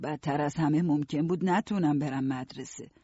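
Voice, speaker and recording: A man narrating an audiobook in a steady first-person storytelling voice. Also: a little high, husky, no echo, highs cut off.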